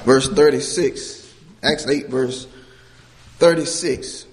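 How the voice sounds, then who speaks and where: A man's voice: medium pitch, slow pace, a little hiss or hum. A man preaching a sermon in a church, earnestly teaching scripture and asking the congregation questions. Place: church with a baptistry. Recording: long hall reverb.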